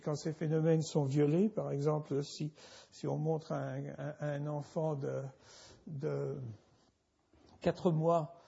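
A man delivers a university lecture at an unhurried pace, stopping and restarting his phrases again and again. His voice is husky and gravelly, sitting a little high. The recording is dull and lo-fi. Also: dark tone. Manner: halting, many restarts and repeated words.

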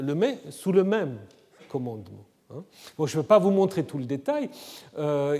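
A man giving an academic lecture in a conversational way, often checking in with his listeners with a quick "hein?". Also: a little high, mellow. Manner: conversational, frequent "hein?" tag questions. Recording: reverberant lecture hall.

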